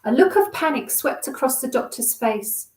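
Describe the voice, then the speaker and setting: A woman's voice: high-pitched, animated, normal speed. A woman reading a children's novel aloud expressively and chatting with young listeners. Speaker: storyteller. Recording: roomy echo.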